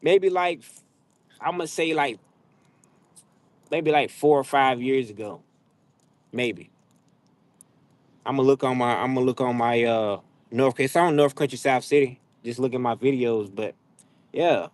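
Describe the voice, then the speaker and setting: Casual middle-aged male streamer, rambly and relaxed, mid-pitched, dry close recording. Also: unhurried, pauses often, no echo. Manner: rambling, laid-back, lots of fillers. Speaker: livestream host. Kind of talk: casual livestream chat.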